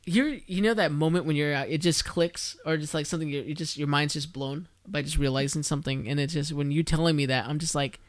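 A man's voice: fairly high pitch, steady tone, fast talker, few pauses, no room sound. A man co-hosting a podcast in casual chat, rambling with sarcastic asides. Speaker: podcast co-host.

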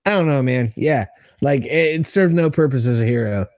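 A man's voice: medium pitch, normal speed, a little mellow, dry recording, studio quality. A man co-hosting a podcast in casual chat, brash and swearing freely. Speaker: podcast co-host.

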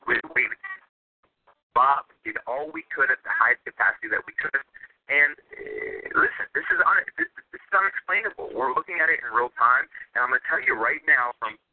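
A man's voice: medium pitch, very animated, moderate pace, vocal fry, slight background noise. A man giving intense, conspiratorial political commentary as a guest, emphatic and repeating phrases for stress. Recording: narrow tinny telephone line.

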